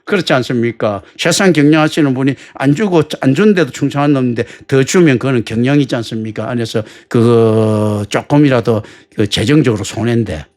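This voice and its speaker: A man's voice: medium pitch, fairly quick, hardly any pauses, a little mellow. A male pastor preaching a sermon in a colloquial, joking way, full of rhetorical questions.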